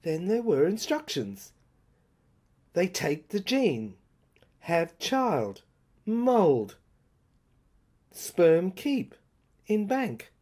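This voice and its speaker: A woman performs a dramatic first-person monologue in halting short phrases broken by pauses, and her breathy, husky voice sometimes drops toward a whisper. Her pitch is fairly low, her tone is dark, and her delivery is very animated.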